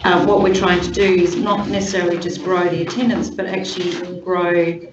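A woman's voice: fairly low pitch, level tone. A woman speaking as a city councillor in a committee meeting, apologetic and hesitant. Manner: apologetic, hesitant, then hurried. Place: council chamber. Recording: echoey, dull room recording from a distance with noise.

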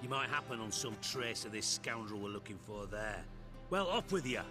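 An actor playing a gruff middle-aged spymaster, brusque, sarcastic and commanding. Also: male voice, on the low side, animated, moderate pace, over loud music, lightly acted. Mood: brusque, scornful.

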